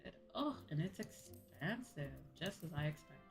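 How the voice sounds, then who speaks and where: Soft background music runs under a woman's deep, creaky voice as she livestreams and hosts. Her pitch swings widely at normal speed. She talks informally to viewers while playing, rambling and often saying the same things again.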